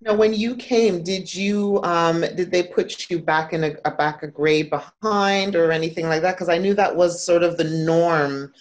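A woman from Toronto speaks as a psychologist guest in a casual interview. She explains things in a measured, steady way. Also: fairly low pitch, low-quality recording. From Toronto, Canada.

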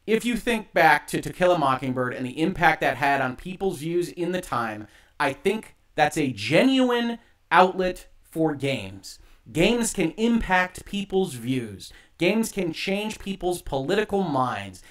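A man hosting a commentary show, reading an article aloud and rebutting it emphatically, his voice echoing on the stream. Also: fairly high pitch. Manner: argumentative, emphatic, with pointed pauses. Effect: echoing on the stream audio. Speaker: host of a games and law commentary show. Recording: echoey livestream audio.

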